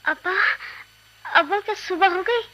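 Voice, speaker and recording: A woman's voice: extremely high pitch, moderate pace, a bit bright, rough recording. A little pleading girl. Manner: eager, pleading, childlike. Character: small curious insistent girl. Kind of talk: 1970s radio drama acting.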